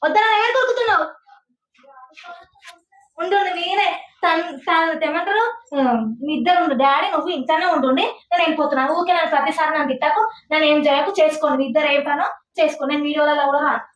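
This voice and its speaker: High-voiced, rapid-talking woman. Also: fairly even intonation, a bit bright. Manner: quick, complaining, scolding. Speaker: vlogger, wife in a family prank video. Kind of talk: casual family vlog argument. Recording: echoey room, mic off at a distance, faint noise.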